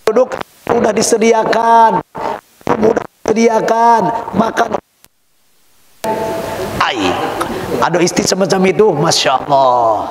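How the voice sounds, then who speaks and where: A man preaching to a crowd, joking and acting out household scenes with big pitch swings. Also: takes it slowly, pauses often. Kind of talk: sermon. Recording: echoey hall with faint noise.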